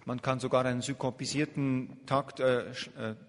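A man interprets a lecture phrase by phrase, hesitating often and filling gaps with drawn-out filler sounds while he looks for the right word. His mid-pitched voice rings with the long reverb of a large hall. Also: steady tone. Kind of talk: live consecutive interpreting.

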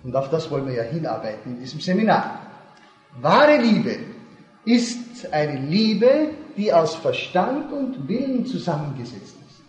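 A man gives a seminar lecture in an echoey hall, the sound dull and lo-fi, explaining step by step, repeating key points and checking that the audience follows. His fairly high voice is very animated yet measured in pace.

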